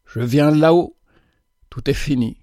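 A man voicing a mysterious old man in a story, speaking in a calm, grave way. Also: on the high side, a little slow, no echo, studio quality, close to an everyday voice.

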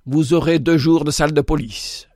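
A man's voice: a little high, steady tone, normal speed, a little mellow, no room sound, clean studio sound, close to an everyday voice. A man voicing a stern, strict old army sergeant, a war veteran who lectures his soldiers firmly. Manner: firm, lecturing.

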